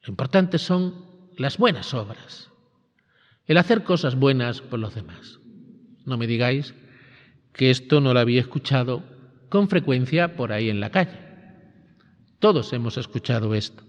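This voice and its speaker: A man preaching a retreat sermon as a priest, with emphatic phrasing that rises and falls and slows on key words. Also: medium pitch, expressive. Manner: emphatic, rising and falling preaching cadence with slow stressed phrases. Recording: dull lo-fi sound with long reverb.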